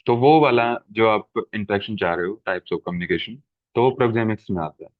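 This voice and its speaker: A man's voice: fairly low pitch, moderate pace, dry recording. A man teaching an exam-prep lecture, explaining with everyday examples and checking in often with his listeners. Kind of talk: classroom lecture. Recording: dry, phone-like narrow sound.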